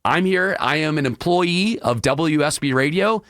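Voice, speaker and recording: A male radio talk show host with a hoarse, congested, frog-throated voice, projecting hard from the diaphragm in an emphatic, opinionated solo monologue from a radio studio. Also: lively intonation, a little slow, fairly bright tone, no room sound. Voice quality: deeper than usual, frog-throated.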